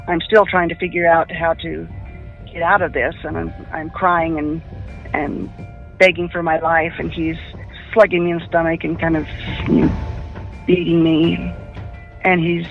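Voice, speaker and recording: A woman giving personal testimony about an attack she survived, in a quiet, halting way. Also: fairly low pitch. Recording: muffled lo-fi with faint music.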